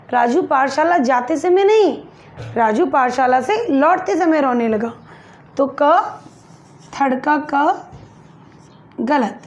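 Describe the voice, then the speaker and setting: Slow, patient woman teacher. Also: high voice. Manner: slow and patient, spelling words syllable by syllable; addresses pupils as "beta", asks and answers her own questions. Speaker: school teacher. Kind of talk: online Hindi lesson for young pupils.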